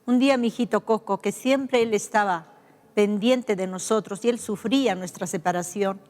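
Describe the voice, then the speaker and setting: An older Peruvian woman pastor recounts her own testimony in a reflective, heartfelt way, pausing and restarting as she remembers. Her voice sits at an ordinary middle pitch. A long reverb tail trails each phrase. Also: darkish tone. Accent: Peruvian Spanish. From Peru. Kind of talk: personal testimony storytelling.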